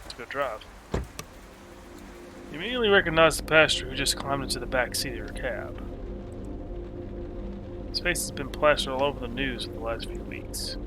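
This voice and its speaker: A man's voice: medium pitch, moderate pace, pauses often. A man with a put-on French accent reading a game's narration aloud theatrically, dropping into casual asides as he plays. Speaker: gamer playing and reading a narrative game aloud. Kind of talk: video game playthrough, reading narration aloud. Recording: loud music behind the voice.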